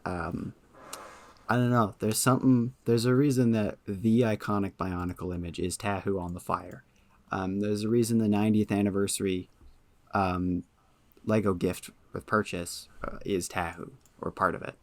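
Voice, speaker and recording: Low-voiced rambling podcast man. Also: dry recording. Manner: rambling, many ums, enthusiastic. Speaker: podcast host. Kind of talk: casual chat.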